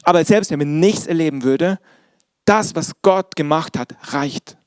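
High-voiced German preacher. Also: male voice, a little slow, clear, resonant tone, no room sound, studio quality. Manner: earnest, addresses the congregation directly. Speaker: pastor. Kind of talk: sermon.

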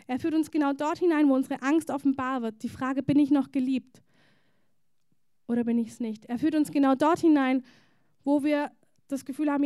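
A woman preaching a sermon, repeating phrases for emphasis and speaking God's words softly and tenderly. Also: sits high, no echo, clean studio sound. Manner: emphatic repetition, slowing for weight.

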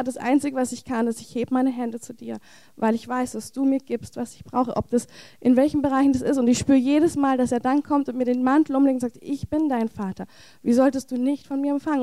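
A woman's voice: high voice, warm tone, no echo. A woman preaching a heartfelt charismatic sermon in a church, with earnest, repetitive phrasing.

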